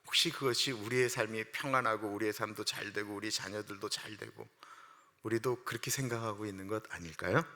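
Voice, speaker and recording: Man preaching in a church, really bright sharp voice, long reverb off the walls, gets fired up. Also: lowish voice, fairly quick. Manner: earnest, emotional, rising to loud passionate outbursts. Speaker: pastor. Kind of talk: sermon. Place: church sanctuary.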